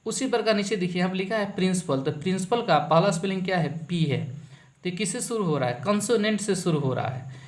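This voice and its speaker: A man's voice: sits high, lively intonation, fast talker, roomy sound. A man teaching an English grammar lesson, asking a question and then answering it himself, often repeating the key words.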